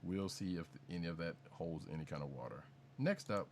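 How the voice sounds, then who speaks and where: A man with a very deep voice co-hosts a casual podcast, rambling through news items. He restarts sentences and drops jokes along the way. A faint hiss sits under the recording. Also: fairly quick, darkish tone. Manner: rambling, self-correcting, jokey. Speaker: podcast co-host.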